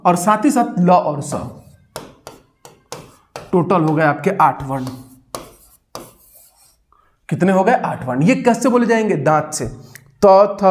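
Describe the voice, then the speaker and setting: A man's voice: high voice, darkish tone. A man teaching a classroom-style exam coaching lecture with energy, repeating phrases for students to chant along.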